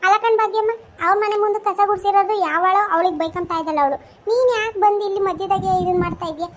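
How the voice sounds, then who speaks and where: A blunt old village grandmother scolds and lectures in a cartoon, voiced by a performer. Her voice is very high and her words come quickly. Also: a little hiss or hum. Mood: reproachful. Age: older. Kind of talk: cartoon voice acting.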